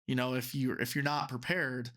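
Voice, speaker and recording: At normal speed, the man's medium-pitched voice stays fairly bright with little pitch movement. In his twenties and from the US, he works as a referee and teacher and talks casually in an interview, rambling with frequent "you know"s.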